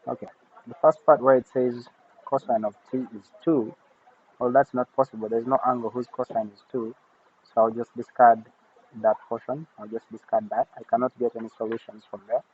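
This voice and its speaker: A man's voice: mid-range voice, level tone, normal speed, slightly rough. A man teaching a recorded math lesson, talking steadily through each step of his working. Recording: tinny phone-like audio with faint noise.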